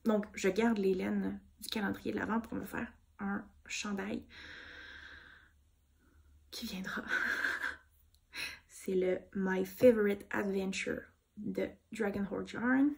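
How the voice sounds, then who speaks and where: A woman with a Québécois accent chatting casually about her knitting projects, soft-spoken and gushing, with many fillers. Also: mid-range voice, steady tone, takes it slowly, creaky, pauses often. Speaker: knitting vlogger. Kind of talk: casual show-and-tell chat.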